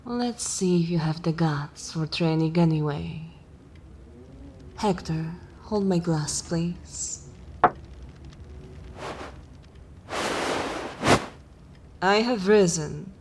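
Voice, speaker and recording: A woman plays a haughty, cruel vampire mistress centuries old in a dark fantasy ASMR roleplay. Her lowish voice is slow, imperious, and disdainful, using formal, commanding wording, with background noise present.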